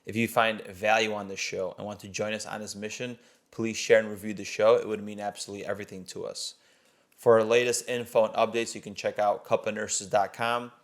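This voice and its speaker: A man's voice: fairly low pitch, flat delivery, brisk. A man hosting a podcast, reading its scripted intro and announcements in an upbeat, announcer-like way. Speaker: podcast host.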